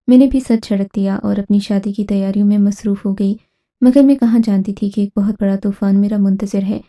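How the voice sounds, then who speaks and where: A woman narrating a dramatic family story in the first person, in a steady, scripted storytelling manner. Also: medium pitch.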